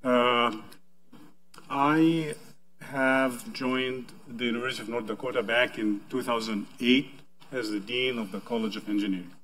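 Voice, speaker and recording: A man's voice: medium pitch, steady tone, a little slow, a bit bright, poor audio. A middle-aged man, a university dean, giving a friendly panel presentation seated at a table in a conference room.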